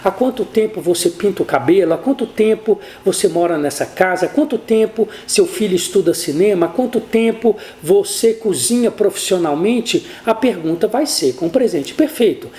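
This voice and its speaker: A woman teaching English grammar from a room in her house, and her first language is Portuguese. Her mellow voice rises and falls a lot as she explains step by step and checks that her listeners follow. The room around her sounds echoey. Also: mid-range voice, lively intonation. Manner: explains slowly, asks checking questions; says English example sentences slowly and clearly. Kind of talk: grammar lesson.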